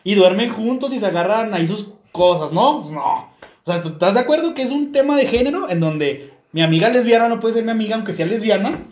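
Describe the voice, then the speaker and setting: A Mexican man with a high voice co-hosting a casual podcast. He talks in a crude, teasing way and tells stories with animation. His voice rings in an echoey room. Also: lively intonation, fairly quick, a little mellow. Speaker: podcast co-host. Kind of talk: casual joking chat.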